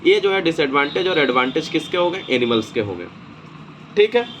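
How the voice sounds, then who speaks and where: A male homeopathy teacher giving a recorded lecture, explaining slowly and checking in with "okay" after each point. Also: fairly high pitch, very animated, fairly bright tone, a little hiss or hum. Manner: explanatory, repeats points with frequent "ठीक है".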